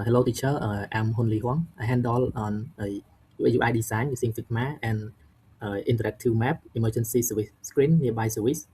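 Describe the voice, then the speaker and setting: Dark, husky young man. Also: mid-range voice. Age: young adult. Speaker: student presenter. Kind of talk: prepared technical presentation.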